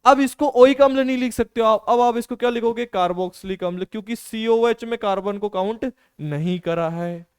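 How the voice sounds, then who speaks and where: Very high and a little mellow, this man's clean voice moves fairly quickly with hardly any pauses. He's a chemistry teacher giving a casual, encouraging lesson, constantly quizzing students, supplying the answers himself, and frequently using the word "beta" for them.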